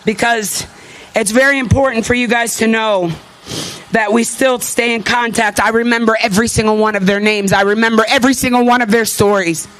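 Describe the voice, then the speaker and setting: At a rally before a crowd, a thirties-aged activist speaks with fervor and emphasis, circling back to repeated lines with emotional weight. Her pitch is fairly high and her tone steady and fairly bright, and she talks a bit quickly. The recording is low quality.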